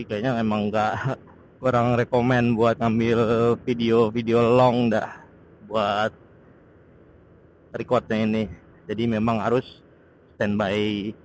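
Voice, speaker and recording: Riding his motorcycle outdoors, a medium-pitched guy motovlogs in a rambling, halting way. His Bluetooth helmet intercom mic sounds noisy, with wind and road noise in the background.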